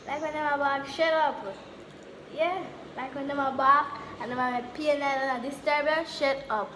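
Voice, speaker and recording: High-voiced Jamaican woman co-host. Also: fairly even intonation, moderate pace, a bit bright, slight background noise. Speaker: YouTuber co-host. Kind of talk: casual mukbang chat. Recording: echoey room.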